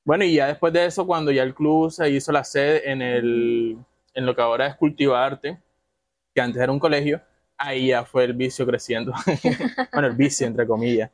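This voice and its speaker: A man's voice: medium pitch, moderate pace, no room sound. Chatty Colombian Caribbean man. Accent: Colombian Caribbean Spanish. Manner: relaxed, chatty storytelling with frequent laughs. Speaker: podcast guest. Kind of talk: casual conversational interview.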